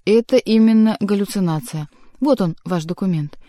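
A woman voicing a sly, fussy male demonic henchman who talks briskly and mockingly, pitched higher than her reading voice. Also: mellow, dry recording, clean studio sound, natural voice.

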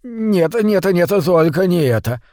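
A man voicing a meek, plump little man who turns defiant, with a shrill voice and a pleading, blustering manner. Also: lively intonation, slow, darkish tone, no room sound, studio quality. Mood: panicky.

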